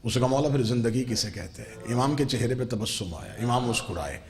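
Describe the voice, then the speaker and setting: A man with a Pakistani Urdu accent preaching a majlis sermon, swinging from loud impassioned shouts to soft, low storytelling. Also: vocal fry, faint music behind. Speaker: Shia preacher. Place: religious gathering hall.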